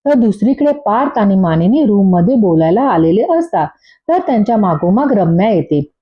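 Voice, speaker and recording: A woman's voice: medium pitch, very animated, moderate pace, breathy edge. A woman narrating a recap of a TV serial episode, retelling the plot steadily and reading out the dialogue. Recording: dull lo-fi recording.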